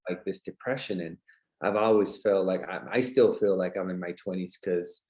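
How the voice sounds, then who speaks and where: This podcast guest, a real estate coach in his thirties, speaks earnestly and fills his casual interview chat with fillers. His deep, steady, darkish voice moves at normal speed amid a roomy echo.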